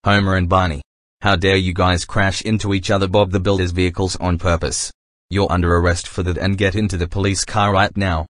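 A man's voice: low voice, a little fast, no echo, studio quality. A man voicing an angry cartoon police officer who scolds and makes arrests. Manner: scolding, flat.

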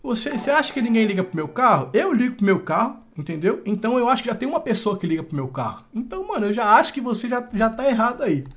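A high-voiced Brazilian man talking on a casual gaming stream. He speaks quickly and brashly, peppering his talk with slang and swear words. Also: big pitch swings, a bit bright. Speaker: game streamer. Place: small room at home, indoors.

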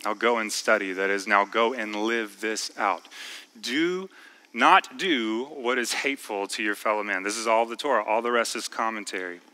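A man preaching a sermon in a church, talking in a conversational way and slowing down to stress key words. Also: on the low side, bright, forceful tone, rough recording. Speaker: pastor. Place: church sanctuary.

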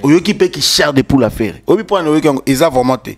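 Man talking music, animated. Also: a little high, fast talker. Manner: mixes French and Lingala, animated, repeats words. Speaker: guest commenting on music news. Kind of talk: casual interview talk.

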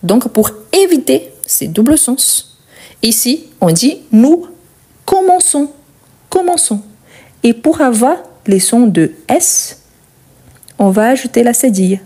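A woman teaching French verb conjugation, explaining slowly and stressing each example word, often checking in with "Ok?". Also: on the high side, big pitch swings, warm tone, breathy edge. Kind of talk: conjugation lesson.

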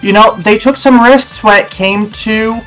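A young man in casual gameplay chat, explaining things in a halting, conversational way. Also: high-pitched, a bit bright, faint music behind, poor audio. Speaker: gaming challenge player.

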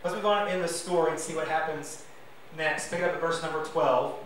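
A man's voice: a little high, fairly quick, a bit bright, heavy reverb, far from the mic, slight background noise, poor audio. A man preaching a sermon to his congregation as pastor, conversational and self-deprecating, with asides to the listeners. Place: church sanctuary.

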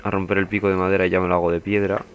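A man's voice: sits low, level tone, rapid-fire, clear, resonant tone, highs cut off. A young man giving casual, swearing let's play commentary as a gaming youtuber. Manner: swearing, chatty, bursts into panicked yelling.

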